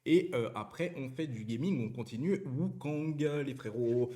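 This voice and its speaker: A young man talks live to his stream chat in a loose, joking way. He reads out viewers' questions, answers with lots of fillers and self-corrections, and his voice sits at an ordinary middle pitch for a man. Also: expressive, measured pace, warm tone. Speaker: Twitch streamer.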